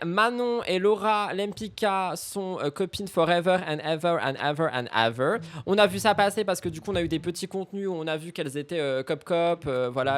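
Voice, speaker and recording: Fields: man, teasing gossip streamer voice. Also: a little high. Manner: mocking, ranting, slips in English phrases. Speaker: live stream host. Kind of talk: gossip commentary on a live stream.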